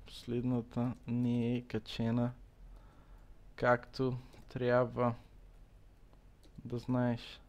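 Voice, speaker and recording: A young man streaming from a small dim room on a headset, reading aloud haltingly with many fillers and chuckles in casual commentary. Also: mid-range voice, monotone.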